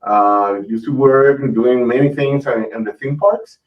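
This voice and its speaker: A man's voice: medium pitch, unhurried, distant mic. A man from Puerto Rico, a guest chatting casually in an interview, hesitant, with fillers and restarts. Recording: lo-fi, from off the mic.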